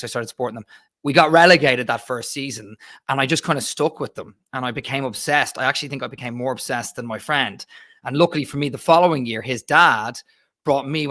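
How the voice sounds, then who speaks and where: Podcast guest, Irish man in his thirties, bright, dry close sound, chatty storyteller. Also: medium pitch, no echo. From Ireland. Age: 30s. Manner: chatty storyteller with frequent restarts. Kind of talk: casual chat.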